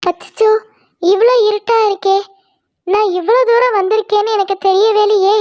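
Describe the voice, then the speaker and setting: A woman voicing a gentle, kind young female bird who speaks in a pleading, worried way. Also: extremely high pitch, steady tone, normal speed, lo-fi sound.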